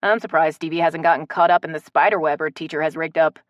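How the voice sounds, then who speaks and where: A woman's voice: deep voice, steady tone, fast, dry recording, muffled recording, lightly acted. A woman voicing a wry, joking man who explains and mock-announces.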